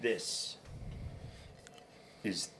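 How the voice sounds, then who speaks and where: A man chatting casually at a whiskey tasting, talking in a relaxed, rambling way with restarts. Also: very slow, noisy background. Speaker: guest whiskey collector.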